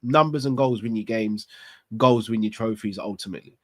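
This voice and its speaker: Speaking a little fast in a fairly low voice, this man hosts a football fan channel's live stream while stuffed up with a cold. The sound is clean studio audio without echo, from a small set decorated with club gear. He chats candidly and casually, musing aloud through rhetorical questions.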